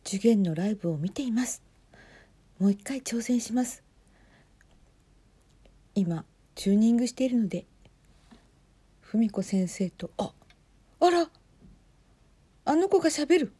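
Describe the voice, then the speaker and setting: A woman hosting a casual talk, commenting in hushed whispers while she watches a concert stream at home. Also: mid-range voice, moderate pace, long pauses, slightly rough. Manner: speaks softly in hushed whispers; chatty, reacts aloud to what she sees. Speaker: podcast host watching a livestream.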